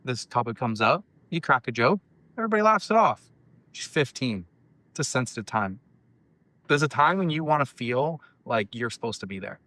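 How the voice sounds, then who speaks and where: A man's voice: mid-range voice, animated, moderate pace, pushed and bright, no room sound. A man co-hosting a podcast, chatting casually about online stories and teasing with sarcastic jokes. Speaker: podcast co-host.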